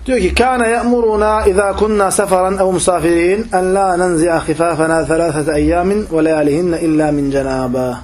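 Fast, animated male preacher. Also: sits high, soft background music. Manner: animated, asks the listeners questions and answers them, switches into recited Arabic. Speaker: Islamic preacher teaching hadith. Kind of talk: religious lesson, explaining hadith.

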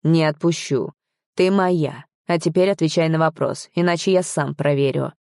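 A woman's voice: low-pitched, moderate pace, gravelly, darkish tone, no room sound, clean studio sound. A woman reading a smug, domineering young man. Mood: possessive. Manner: mocking, commanding.

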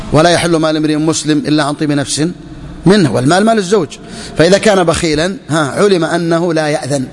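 Male religious teacher, raised pitch, slow when reading the text, reverberant hall. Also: slight background noise. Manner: repeats key phrases, asks and answers his own questions; slows down when quoting the text. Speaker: sheikh teaching Islamic jurisprudence. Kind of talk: classroom lecture explaining a text.

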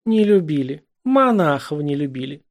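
A husky-voiced man reading a novel aloud, voicing a brash, teasing young woman with a quick temper. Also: on the high side, very animated, full character voice. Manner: sharp, needling, exclaiming.

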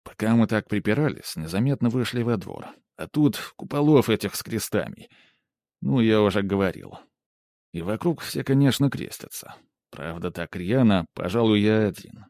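A male narrator reading a first-person audiobook with a wry, matter-of-fact delivery. His voice sits fairly low. The recording is dry and close to the mic. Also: darkish tone, no room sound.

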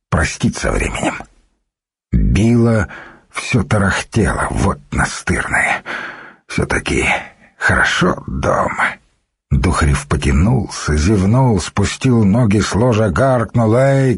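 A man narrating a historical novel in a steady, measured storytelling voice. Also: low-pitched, slightly rough, no room sound, clean studio sound. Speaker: audiobook narrator. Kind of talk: scripted narration.

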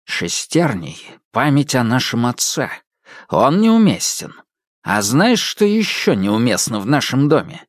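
A stern, irritable older professor, voiced by a male reader close to his own voice. He scolds in a measured, biting tone. Dry recording with no room sound. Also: mid-range voice, animated, no room sound. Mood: scolding.

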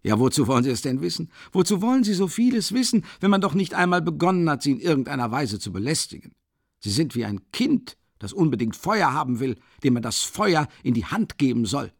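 Guy doing a sly mocking investigator, gravelly voice, swings up and down a lot, audiobook. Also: fairly high pitch, sing-song, a little fast, no room sound, studio quality, pitched above the performer's own voice, exaggerated voice. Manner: teasing, jovial, needling questions. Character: sly mocking middle-aged male investigator.

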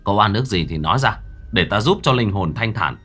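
A stern young exorcist snaps orders and interrogates a ghost with cool authority, voiced by a male narrator. His voice sits low and swings widely, with faint music playing behind the horror tale. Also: animated, fairly quick, pushed and bright, breathy edge, exaggerated voice. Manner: barking orders, stern questioning.

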